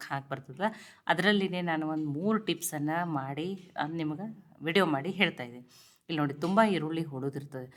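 A woman hosts a cooking channel from a home kitchen, showing kitchen tips and urging viewers to look and try them. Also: deep voice. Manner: instructive, keeps telling viewers to look and try.

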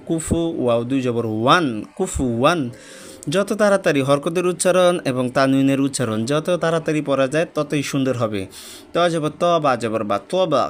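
A man's voice: fairly high pitch, slight background noise. Patient man spelling syllables aloud. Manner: spells out letters slowly and repeats syllables, patient. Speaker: religious teacher. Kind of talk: step-by-step Quran reading lesson.

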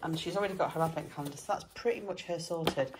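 Talking quickly in a low-pitched voice, a middle-aged vlogger rambles through her day to a handheld camera in her house and back garden. She is chatty and pokes fun at herself, and the recording is very noisy.

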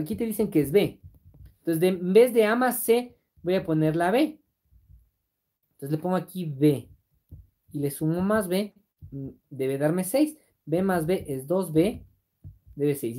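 A woman's voice: fairly low pitch, mellow. A woman teaching math on a live stream, working through problems step by step, checking in with her students and reading their comments aloud. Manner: explains step by step, keeps checking in with "¿sí?"; reads viewer comments aloud and answers them. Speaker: math exam-prep teacher.

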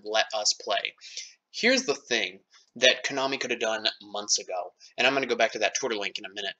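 A man's voice: medium pitch, pushed and bright, muffled recording. An American man in a casual opinion rant, speaking in an irritated, blunt way with some swearing. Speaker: card game player and online commentator. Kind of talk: casual opinion rant over screen recording.

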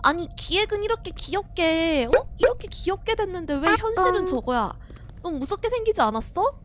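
A woman's voice: extremely high pitch, lively intonation, brisk. A young woman streaming a horror game, talking herself through it, jumpy and frightened, laughing and shrieking as she plays. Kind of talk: horror game let's play commentary.

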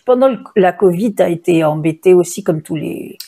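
A woman's voice: fairly low pitch, lively intonation, moderate pace, mellow, slightly rough. A woman from Périgueux interviewing a singer in a friendly, encouraging way, often affirming. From Périgueux, France. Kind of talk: casual interview chat.

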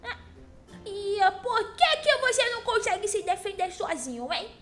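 A woman's voice: very high-pitched, big pitch swings, moderate pace, fairly bright tone, exaggerated voice. A woman voicing a cheeky, feisty little girl who hosts a children's Minecraft role-play, exclaiming in a childlike, bratty way. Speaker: host of children's gaming channel. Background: music.

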